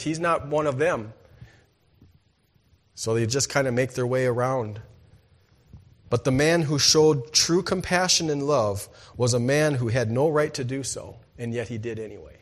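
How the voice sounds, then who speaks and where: Preacher with a slightly high voice. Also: male voice. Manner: preaching with call-and-response "amen?" and rhetorical questions; swings between loud emphatic lines and quiet, low asides. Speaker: pastor. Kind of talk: sermon. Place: church.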